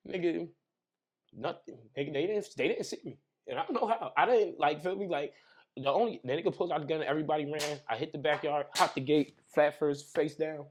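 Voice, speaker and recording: A man's voice: on the high side, a little fast. A young man, a podcast guest, talking casually over drinks and telling vivid stories full of slang and sound effects. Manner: animated storyteller, heavy slang, acts out scenes with sound effects.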